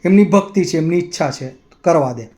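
A man's voice: on the high side, a little fast, a little mellow, close to an everyday voice. A man voicing a practical wife who questions her husband. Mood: questioning.

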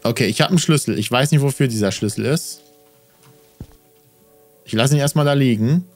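A man's voice: medium pitch, brisk, soft background music. A man in his thirties giving casual let's play commentary as a horror game streamer, muttering to himself and reacting uneasily, spooked by the game.

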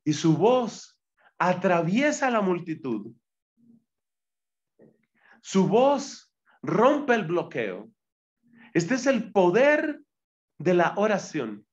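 A man teaching a Bible exegesis lesson as a friar, deliberate and repetitive, reading Greek terms aloud. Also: high voice, sing-song, lo-fi sound. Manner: deliberate, repeats key phrases, reads Greek terms aloud.

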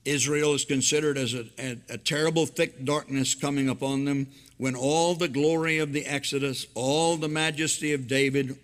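An older man delivers a sermon from the pulpit of a church sanctuary. His voice is bright and forceful, with a middling pitch for a man. He builds to loud, emphatic peaks and then drops to hushed, low asides. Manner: dramatic swings between loud emphasis and quiet low asides. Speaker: pastor. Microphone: pulpit microphone.

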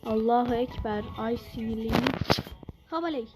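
A woman's voice: fairly high pitch, normal speed, poor audio. A young woman giving casual gameplay commentary, muttering to herself with exasperated sighs and sudden yelps. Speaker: gamer. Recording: background game music.

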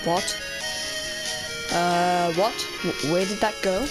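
A woman's voice: on the low side, steady tone, slow pace, rough recording. Exasperated British woman raging at a game. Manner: exasperated raging gamer, exclaiming. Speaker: gamer commentating own gameplay. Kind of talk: gaming commentary. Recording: game music behind the voice. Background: loud video game music.

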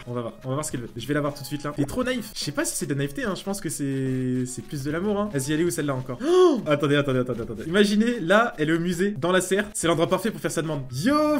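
A young man streaming a game live, excitable, talking to his chat and breaking into laughter. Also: fairly high pitch. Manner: excitable, quick reactions, bursts of laughter. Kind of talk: live gameplay commentary.

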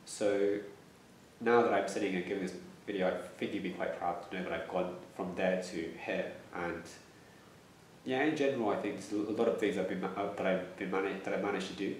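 This low-pitched, steady, brisk voice comes from a man in his 20s who stammers, repeating words and restarting while thoughtfully answering interview questions. There's a little hiss or hum, and the plain indoor room is echoey with the mic slightly distant.

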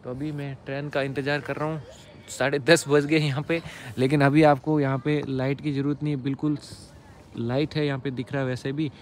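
A young man from India, filming a casual travel vlog on his phone at arm's length, talks to viewers on a railway platform outdoors at night. His mid-range voice is brisk with little pitch movement and a bit of hiss or hum, and he drops to a hush when passing sleeping passengers.

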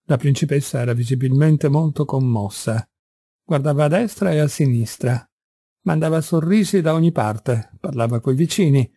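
A man reading a classic novel aloud in measured, even scripted narration. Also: mid-range voice, husky, no room sound. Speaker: audiobook reader.

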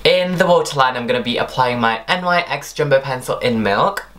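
A man's voice: medium pitch, expressive, a little fast, a bit bright. A young man narrating an instructional makeup tutorial as its presenter. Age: young adult.

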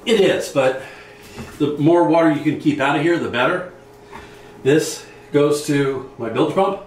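Guy fixing up his boat, talking thru the job plainly, sounds far off in a boomy cabin with a faint hum. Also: measured pace, reverberant. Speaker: boat owner doing refit work. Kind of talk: casual explaining while working. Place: inside a boat under refit.

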